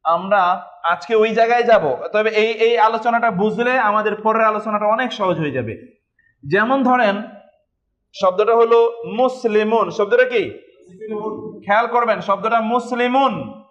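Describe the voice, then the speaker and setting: A man with a high voice teaches grammar at an unhurried pace and quizzes his students again and again. He stretches out example words. The recording is dull and lo-fi. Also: fairly bright tone. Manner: repeats words slowly and quizzes the class. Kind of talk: classroom lesson with call-and-response drilling.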